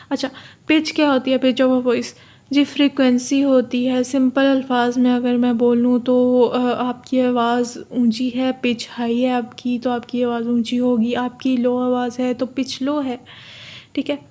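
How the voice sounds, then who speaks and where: Slow, even-toned woman tutoring. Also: sits high. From Pakistan. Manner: explains slowly, repeats key terms, reads English definitions aloud. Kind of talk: exam-prep lecture.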